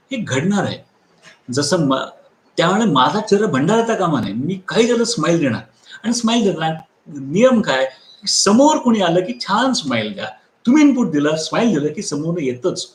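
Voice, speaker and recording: Animated male lecturer in an echoey room. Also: a little high. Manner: animated storyteller who acts out quoted people; repeats key phrases for emphasis. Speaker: motivational speaker and trainer. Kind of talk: live online motivational lecture.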